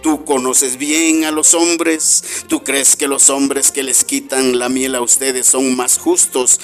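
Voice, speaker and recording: Dude doing a smug mocking snake, storybook radio. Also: male voice, mid-range voice, little pitch movement, slow, faint music behind. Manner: mocking and scornful. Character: mocking sly green snake.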